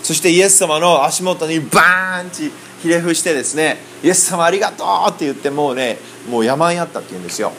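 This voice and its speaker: A man interpreting a sermon in lively, colloquial speech and acting out the quoted voices. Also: a little high, quick pace, hardly any pauses, a little hiss or hum. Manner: animated, acts out quoted voices. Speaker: interpreter for a preacher.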